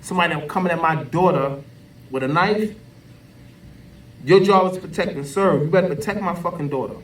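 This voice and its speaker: Here an American man airs an unscripted opinion to camera as a social media commentator, hammering his points in emphatic, repetitive, everyday language. He talks fairly quickly in a slightly high voice, far from the mic, with a bit of background noise.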